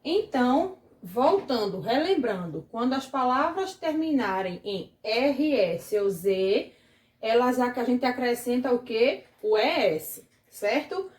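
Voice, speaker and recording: Brazilian woman teacher, higher voice, slow and patient, echoey room. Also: lively intonation, a little mellow. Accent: Brazilian Portuguese. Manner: patient, asks the class questions and checks with "certo?". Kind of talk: grammar lesson for children.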